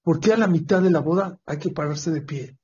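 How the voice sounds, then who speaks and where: A speaker with a Mexican accent giving an emphatic religious talk with storytelling and questions to the audience. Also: female voice, low voice, fairly quick, warm tone, breathy edge. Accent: Mexican Spanish. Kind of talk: sermon with storytelling. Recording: dull lo-fi recording.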